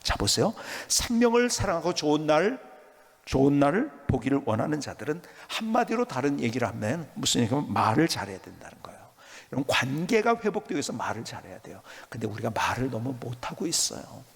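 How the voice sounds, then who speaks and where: Raspy preaching man in a reverberant hall. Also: mid-range voice, sing-song, a little fast. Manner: emphatic preaching, dropping to soft whispers. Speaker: pastor. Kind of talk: sermon.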